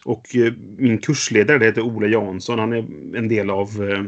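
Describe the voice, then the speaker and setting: A man with a fairly low voice chats on a podcast. He rambles and restarts his sentences often, leaning on fillers as he thinks aloud. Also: fairly even intonation, dull audio. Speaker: podcast co-host. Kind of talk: casual chat.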